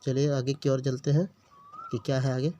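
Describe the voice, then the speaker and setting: Speaking at a moderate pace with a warm, medium-pitched voice and a flat delivery, this male Urdu teacher walks a beginner through letters and words one at a time. Each word gets repeated, and he frequently checks how the learner is doing. Slight background noise sits under a dull, lo-fi recording.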